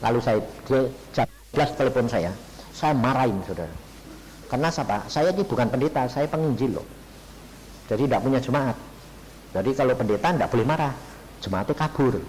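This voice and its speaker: A man's voice: medium pitch, fairly quick, long pauses, a little hiss or hum, poor audio. A middle-aged man with a Javanese accent, an evangelist preaching a sermon who tells stories and acts out conversations while addressing his listeners directly. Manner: animated storytelling, acts out dialogues, addresses audience as "saudara".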